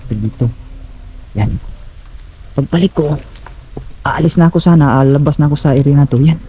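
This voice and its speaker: A man filming a ghost-hunting vlog outdoors at night on a handheld camera, calling out loudly, then dropping to hushed asides for his viewers. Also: fairly high pitch, normal speed, a little hiss or hum. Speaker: paranormal vlogger.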